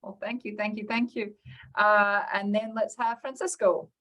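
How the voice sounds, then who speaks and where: A woman's voice: medium pitch, steady tone, normal speed, bright, forceful tone. A woman moderating a panel, thanking each speaker and calling on the next.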